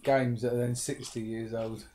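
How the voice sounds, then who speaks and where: A man's voice: medium pitch, flat delivery, moderate pace, warm tone, slight background noise. A middle-aged British man bantering bluntly and swearing casually among friends while gaming.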